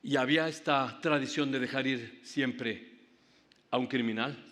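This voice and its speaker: A man's voice: mid-range voice, measured pace, a bit bright. A male pastor preaching a Good Friday sermon, retelling scripture vividly and dramatically, with spoken sound effects. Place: church sanctuary. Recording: long church reverb.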